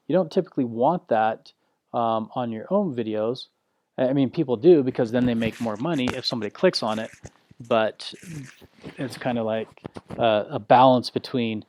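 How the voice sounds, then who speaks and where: Male course instructor: slow, flat-affect, not salesy, restarts a lot; dry close-mic read. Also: no echo. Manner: slow, low-key, unanimated delivery; frequent restarts and filler words. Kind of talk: recorded course lesson.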